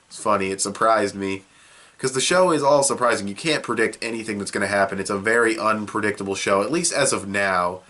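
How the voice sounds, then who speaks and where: In a fairly low, bright and forceful voice, a sniffling young man with a cold reviews a show for a casual video. His talk is loose and rambling, with frequent fillers and restarts.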